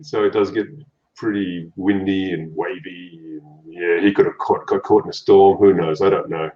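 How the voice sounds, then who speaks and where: A man's voice: sits low, fairly even intonation, moderate pace, roomy sound, lo-fi sound. A man with a broad Australian accent chatting casually as a guest, laid-back and colloquial. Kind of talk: casual chat.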